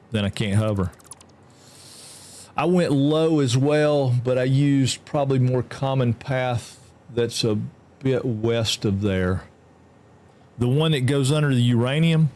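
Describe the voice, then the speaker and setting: A man from Georgia with a Southern accent, chatting casually while live-streaming a game and answering chat. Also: slight background noise. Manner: chatty, drawling, reads chat aloud, jumps high when excited.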